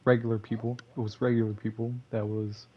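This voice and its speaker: A man's voice: on the low side, level tone, brisk, dull audio. A man giving casual gameplay commentary, rambling and correcting himself, chuckling often.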